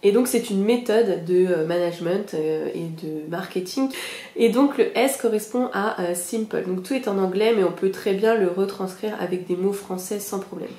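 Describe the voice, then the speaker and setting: A woman's voice: mid-range voice, normal speed, dark tone, reverberant. A young woman hosting a podcast, explaining a goal-setting method in a casual, chatty way, with many fillers and direct, reassuring asides to her listeners. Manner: chatty, many fillers, self-mocking laughs. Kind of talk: casual spoken lesson.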